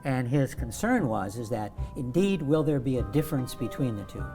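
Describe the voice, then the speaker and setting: A man as an interview guest, explaining at length in a measured, lecturing way and stressing key words. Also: mid-range voice, very animated, dark tone, soft background music. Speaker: guest author.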